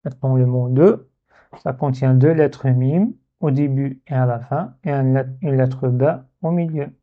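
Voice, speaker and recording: Male teacher walking thru an exercise, calm medium voice, repeats words slow for you to copy. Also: mid-range voice, phone-quality sound. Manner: slow, patient, repeats words to model pronunciation. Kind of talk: step-by-step lesson narration.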